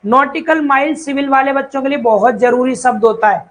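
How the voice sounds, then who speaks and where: Male tutor with a high voice, repeats terms, reads definitions slowly. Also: a bit bright, rough recording. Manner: repeats key terms, calls students brother and child; reads English definitions slowly, then explains in Hindi. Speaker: civil engineering teacher. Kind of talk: online exam-prep lecture.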